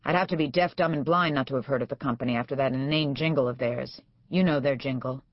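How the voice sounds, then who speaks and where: A woman's voice: a bass voice, quick pace, no echo. A woman voicing a sarcastic, domineering older male judge in an audiobook, with a dull, dry studio sound.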